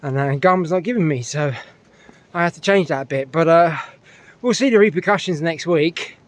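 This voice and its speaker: A middle-aged British man with a fairly high voice, a little out of breath after a run, chats casually to camera as a running vlogger. He talks at a moderate pace and rambles with plenty of fillers and restarts.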